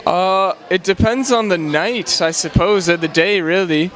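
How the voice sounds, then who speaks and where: Laid-back young man, higher voice. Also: measured pace, a bit bright. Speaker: student interviewee. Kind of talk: casual interview answers.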